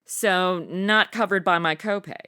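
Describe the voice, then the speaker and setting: This podcast host, an American woman, runs a chatty, semi-scripted interview with a playful, sassy, slang-heavy manner. Her voice sits on the low side and moves at an unhurried pace, sounding pushed, bright, clear and resonant.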